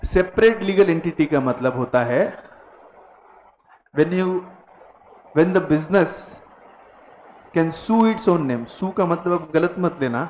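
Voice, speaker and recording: A man's voice: fairly high pitch, takes it slowly, pauses often, darkish tone, roomy sound, slight background noise, low-quality recording. A man teaching a commerce class, mixing Hindi and English and teasing his students. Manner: mixes Hindi and English, drills students to repeat words. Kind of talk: classroom lecture.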